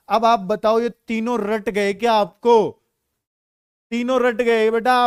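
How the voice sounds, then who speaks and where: A male teacher with a high, clear, resonant voice, teaching the Hindi alphabet in an online class. He talks in a playful way, telling small stories and mimicking children. The recording is close-miked and dry. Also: no echo. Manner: playful, uses silly stories and acts out children.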